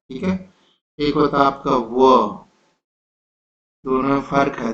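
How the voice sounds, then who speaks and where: A man teaching an exam-prep lecture, explaining slowly and patiently, checking in with his students again and again. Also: mid-range voice, a bit bright. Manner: slow, repetitive explaining with frequent "theek hai". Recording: roomy, dull lo-fi sound.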